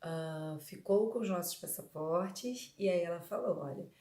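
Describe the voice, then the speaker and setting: A woman's voice: on the low side, unhurried, warm tone. A woman from Brazil telling her viewers a personal story in a chatty vlog, with frequent fillers and rephrasings. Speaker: vlogger. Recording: echoey room.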